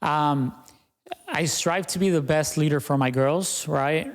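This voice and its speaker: A man's voice: on the high side, a little slow, big-room sound. A young man talking earnestly as a podcast guest, often tagging his points with "right?". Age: young adult. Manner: earnest, repeats "right?" and "you know". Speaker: guest, business owner. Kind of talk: podcast interview.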